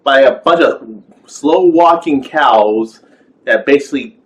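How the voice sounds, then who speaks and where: Male reviewer, unhurried and rambling, mid-range voice, casual complaint. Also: mid-range voice, rough recording. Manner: rambling, filler-heavy, with exasperated rhetorical questions. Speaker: film reviewer. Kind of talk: casual rant.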